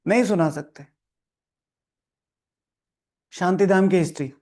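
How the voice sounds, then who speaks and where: In a meditation hall with a live audience, this man delivers a sermon with explanation to a seated class, reading the lesson, explaining, scolding, repeating lines and asking questions. His voice sits high with a darkish tone, and he takes his time. "Theek hai" comes up often as a check-in.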